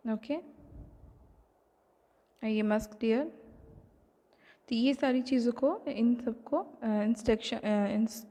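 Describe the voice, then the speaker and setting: A woman with an Indian accent teaching an online class. She reads English textbook lines slowly, then explains them in Hindi with many fillers. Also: fairly high pitch, mellow. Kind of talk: recorded lesson explaining a textbook. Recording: long hall reverb.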